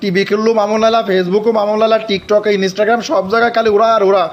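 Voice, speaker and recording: High-pitched, gossipy cartoon village uncle played by a man. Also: level tone, brisk, muffled recording, lightly acted. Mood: agreeing. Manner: calling out, repeating news eagerly. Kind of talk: comic cartoon dialogue, rustic dialect.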